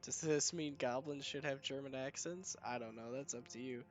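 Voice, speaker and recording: A man's voice: mid-range voice, moderate pace, soft background music. A man running a tabletop game as game master, chatty and laughing often between filler words.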